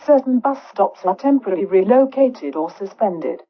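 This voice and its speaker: Lively woman's voice on a bus PA. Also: mid-range voice. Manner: slow, careful, formal. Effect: played over a bus PA system. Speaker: recorded bus announcer. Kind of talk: scripted public announcement. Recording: dull lo-fi PA playback.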